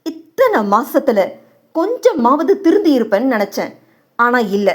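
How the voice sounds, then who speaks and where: A woman's voice: big pitch swings, normal speed. A woman voicing an enraged young man who hisses threats in an audio novel. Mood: menacing. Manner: low, hissing, menacing.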